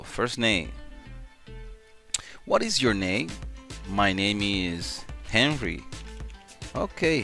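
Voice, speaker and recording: A man teaching a beginner English grammar lesson, repeating example sentences slowly and clearly. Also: lowish voice, pushed and bright. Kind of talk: slow classroom-style grammar lesson.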